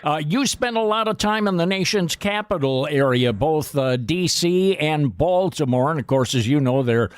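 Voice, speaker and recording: A man hosting an interview, asking questions in an affable, unhurried way. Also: fairly high pitch, expressive, smooth, dry recording, clean studio sound. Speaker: interview host.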